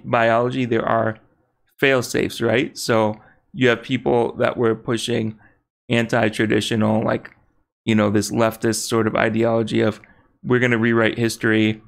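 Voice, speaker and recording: Gravelly, hesitant man in casual talk. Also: mid-range voice. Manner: hesitant, many fillers and restarts, laughs easily. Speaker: podcast co-host. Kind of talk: casual political podcast chat.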